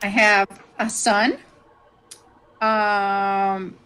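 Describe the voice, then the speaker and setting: Slow-talking woman in her fifties. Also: mid-range voice, flat delivery, pushed and bright, clean tone, rough recording. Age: 50s. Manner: chatty, laughs often. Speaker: guest. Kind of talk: casual chat.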